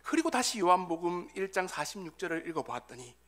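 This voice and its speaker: A male pastor preaching a sermon in church, swinging from loud calls to soft whispers. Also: high-pitched, big pitch swings, fast talker. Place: church sanctuary.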